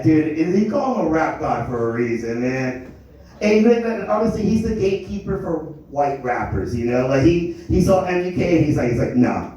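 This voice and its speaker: Young stand-up comic in echoey club. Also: male voice, mid-range voice, warm tone, distant mic. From Germany. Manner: rambling, self-deprecating storytelling with stumbles. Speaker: stand-up comedian. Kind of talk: live stand-up comedy. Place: comedy lounge stage.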